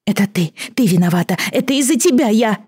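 A woman voicing a frightened young girl who has grown horns, sobbing and pleading in a high, strained voice. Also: expressive, quick pace, mellow, husky, no echo, studio quality. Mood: distraught. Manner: sobbing, pleading, rising to shrieks.

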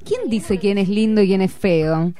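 A woman with an Argentine Rioplatense Spanish accent speaks at an unhurried pace in a warm, medium-pitched voice. She hosts a school radio show, chatting casually with schoolchildren and coaxing them along with encouraging questions.

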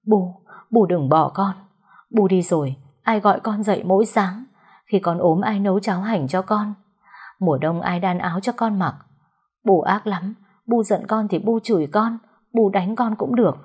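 A woman's voice: mid-range voice, breathy edge, natural voice. A woman voicing a grieving young son who wails and then turns harsh and violent in an audio story. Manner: wailing, then harsh and shouting.

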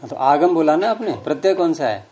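A man's voice: fairly high pitch, sing-song, fairly quick, mellow. A middle-aged man teaching a grammar class, explaining patiently and quizzing his students. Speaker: Sanskrit teacher.

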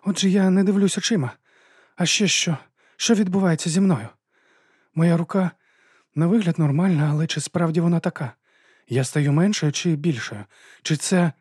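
A brisk, analytical young woman reasons aloud in quick questions, as a male reader puts her on. Her voice sits a little higher than plain speech, in a dry, close recording. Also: a little mellow, husky, no room sound. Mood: puzzled.

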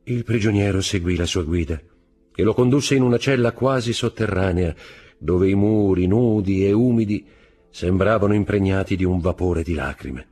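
A man narrating a classic novel in a scripted literary style, slowing for dramatic moments, recorded in a studio. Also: low voice, dark tone, slightly rough, faint music behind. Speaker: audiobook narrator.

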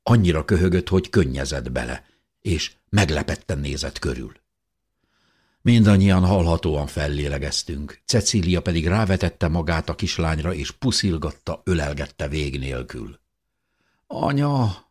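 A man's voice: extremely low pitch, darkish tone, husky. A man narrating a novel in the first person, telling the story expressively as an audiobook reader.

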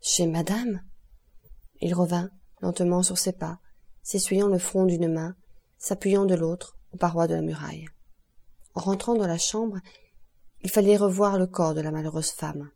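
Husky low-voiced woman narrator. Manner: measured, expressive reading. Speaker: audiobook narrator. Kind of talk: literary audiobook narration.

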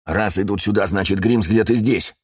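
A shifty, nervous mercenary in an audiobook, read by a man, hurrying out his wheedling suggestions. The voice stays deep and the recording is dry and close. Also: darkish tone, husky, dry recording. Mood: scheming. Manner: wheedling, hurried.

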